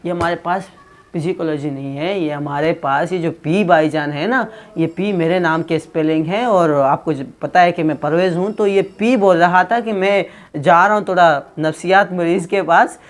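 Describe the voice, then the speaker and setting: Teasing and joking with viewers, a man gives a casual video lesson on English pronunciation, slipping English phrases into his explanations. His voice is fairly high in pitch.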